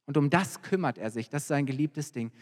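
A man voicing the prophet Nathan, a grave older man quietly telling a parable, heard in a reverberant hall. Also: fairly high pitch, lively intonation, brisk, lightly acted. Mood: grave, hushed.

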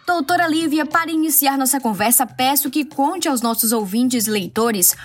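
A woman's voice: sits high, normal speed, breathy edge. A woman hosting a podcast, formally reading a scripted guest introduction and her questions. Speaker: podcast host.

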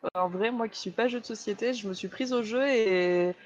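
A woman's voice: a little high, fairly quick, muffled recording. A woman hosting a casual talk show, chatting with many hesitations and fillers as she introduces a haunted place. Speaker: host.

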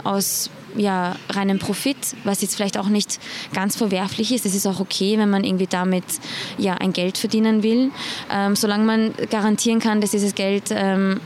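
A woman's voice: medium pitch, a little hiss or hum. A woman from Iran, an investigative journalist answering interview questions with many hesitations and fillers.

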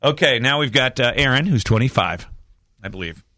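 A man's voice: medium pitch, lively intonation, a little fast, crowd noise. A man hosting a morning radio show, upbeat and laughing as he introduces contestants.

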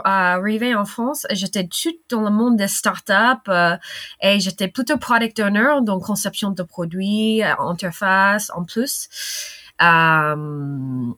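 A middle-aged woman from the western United States talks in French with a clear American accent, pausing often with fillers and breaking into small laughs. Her voice sits at an ordinary pitch and is recorded dry and close, with no room sound. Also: fairly bright tone, no room sound. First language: English. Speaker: guest. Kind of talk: casual interview talk.

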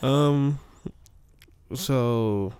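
A man's voice: mid-range voice, very slow, darkish tone, clean tone, no room sound. A man chatting casually at home for a vlog update as an expectant father. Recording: noisy background room ambience.

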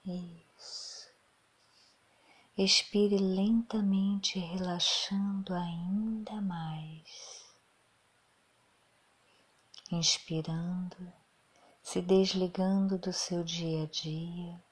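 A woman guides a meditation at an unhurried, drawn-out pace, her voice soft and soothing. She sits a little low in pitch and often drops into breathy half-whispers. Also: fairly even intonation.

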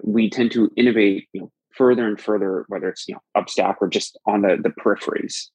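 A man's voice: lowish voice, steady tone, brisk, darkish tone, breathy edge, no echo, low-quality recording. A man as a podcast guest, explaining at length in a thoughtful way, often restarting sentences. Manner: thoughtful, frequent restarts and fillers. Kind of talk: conversational explanation.

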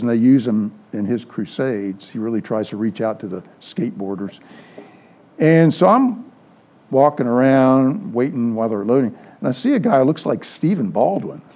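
An older man teaching a church Sunday school class, telling anecdotes and acting out the dialogue. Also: mid-range voice. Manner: lively storyteller, acts out quoted dialogue. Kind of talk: informal sermon with storytelling.

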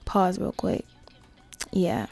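A woman hosting a casual solo podcast, talking to listeners in slangy, sweary asides with creaky vocal fry. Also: drawn-out words, darkish tone, whispered, faint music behind. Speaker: podcast host.

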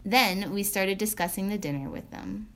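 A woman's voice: mid-range voice, moderate pace. A young woman co-hosting a podcast who tells of a dinner outing in a dry, wry way. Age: young adult. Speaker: podcast co-host.

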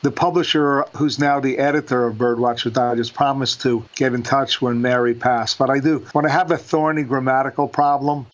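A man, a guest photographer, telling a relaxed, anecdotal story in conversation. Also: medium pitch, moderate pace, hardly any pauses. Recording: dull lo-fi audio.

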